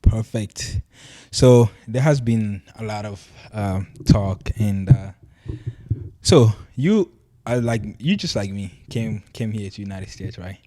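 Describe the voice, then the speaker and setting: A young man hosts a casual podcast conversation. His voice is fairly low and has a warm, dark color. He asks rambling, filler-heavy questions in a relaxed way. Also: takes it slowly. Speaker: podcast host.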